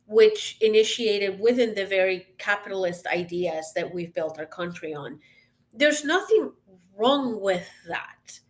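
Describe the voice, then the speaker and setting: A woman's voice: medium pitch, animated, measured pace. A woman guest on a podcast, a consultant, speaking earnestly and encouragingly, with emphatic restarts. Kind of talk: casual interview chat.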